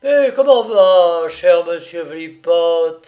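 A man voicing a jovial gentleman thief. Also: a little high, takes it slowly, muffled recording. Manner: cheerful, mocking politeness.

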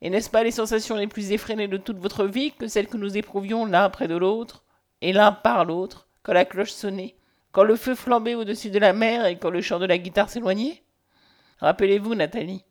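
A woman's voice: mid-range voice, fairly even intonation, moderate pace, close to an everyday voice. A woman voicing an ardent, domineering man who pleads and commands with passion in a read-aloud novel. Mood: urgent. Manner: impassioned, commanding. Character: ardent, domineering man declaring his love.

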